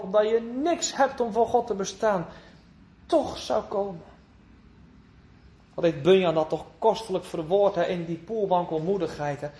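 A man preaching a sermon in earnest, rising to emphatic calls and dropping to hushed, tender phrases, with old biblical wording and rhetorical questions. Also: sits high.

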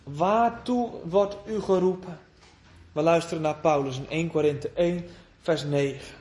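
A man preaching a sermon in earnest, rising to emphatic calls and dropping to hushed, tender phrases, with old biblical wording and rhetorical questions. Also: on the high side, a little slow.

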